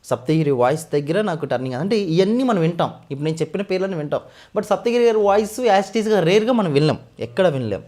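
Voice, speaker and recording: A man from West Godavari in India, a mimicry artist, telling his story in a casual interview and often addressing the interviewer as sir. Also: sits high. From West Godavari, Andhra Pradesh. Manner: fast, animated storytelling with frequent sir.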